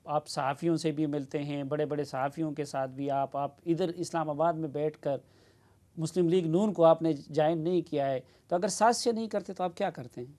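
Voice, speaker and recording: A man's voice: a little high, mellow. A man hosting a TV interview who presses his guest with challenging questions. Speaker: TV interviewer and host.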